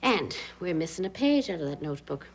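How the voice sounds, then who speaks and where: A woman's voice: lowish voice, sing-song, a little fast, slight background noise. A tender woman coaxing a child. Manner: gently coaxing, soft. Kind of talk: 1980s daytime soap acting.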